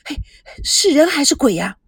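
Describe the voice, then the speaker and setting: In a dry, studio-quality audiobook recording, a woman voices a playful, teasing young woman, pitching above her own natural voice. The delivery is high with big pitch swings at normal speed.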